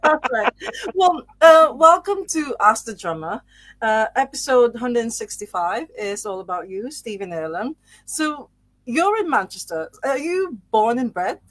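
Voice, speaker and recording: A woman's voice: on the high side, very animated, unhurried, fairly bright tone, no echo. A woman hosting a podcast interview over a video call, effusive and laughing often. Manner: effusive, giggly. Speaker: podcast host. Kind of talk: casual interview.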